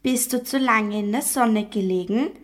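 A woman's voice: a little high, moderate pace, natural voice. Small teasing boy, blunt and mocking, played by a woman narrator, radio story.

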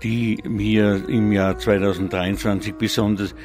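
With music playing underneath, a man presents a live radio music show in a low, darkish voice with little pitch movement and a measured pace. He speaks unscripted, a bit nasally congested, hesitating, digressing and frequently correcting himself.

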